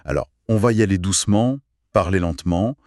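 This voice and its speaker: A man teaching a beginner French lesson, speaking slowly and deliberately and repeating key phrases so they are easy to follow. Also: low-pitched, darkish tone, dry recording, studio quality. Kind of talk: slow articulated beginner lesson.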